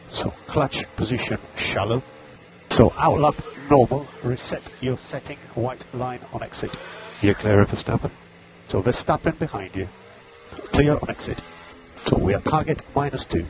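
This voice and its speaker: A man's voice: mid-range voice, noisy background. A man working as race engineer, giving terse, clipped pit radio calls over a team radio link, repeating gaps and status updates. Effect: team radio transmission.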